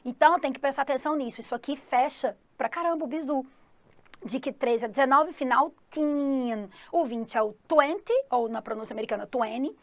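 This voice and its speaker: Speaking fairly quickly in a Brazilian Portuguese accent, a woman with a rather high voice leads an English lesson for exam preparation. Cheerful, she calls herself "the teacher" as if talking about someone else and often checks on her listeners. The recording sounds close-miked and dry, free of any room echo.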